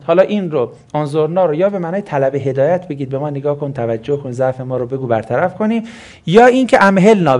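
A man with a slightly higher than usual voice teaching a lesson on Quranic exegesis. He explains step by step and often poses a question before answering it himself. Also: darkish tone.

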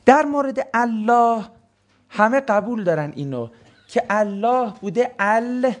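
Male teacher with a high voice, lecturing the class in a Q&A way. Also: animated. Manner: asks the class questions and answers them himself. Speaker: religious studies teacher. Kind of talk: classroom lecture on Quranic words.

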